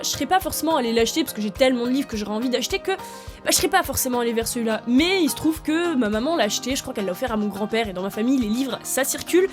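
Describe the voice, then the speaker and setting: A young woman chats to camera about books, excitable and full of fillers and restarts. Her voice sits a little high. Soft music plays quietly behind her. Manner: chatty and excitable, with many fillers. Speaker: book vlogger. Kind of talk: casual chat to camera.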